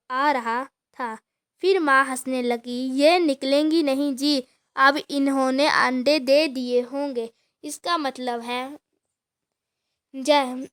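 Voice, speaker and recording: Woman teacher, high voice, unhurried, reads a passage then unpacks it line by line, many restarts. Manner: reads a passage aloud, then explains each line in simple words; frequent restarts and filler sounds. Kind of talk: explaining a textbook lesson.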